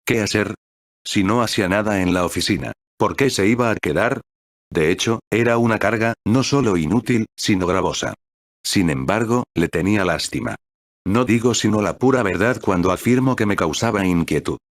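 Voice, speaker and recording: A man reading a classic story aloud in measured, steady narration. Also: lowish voice, no room sound, studio quality.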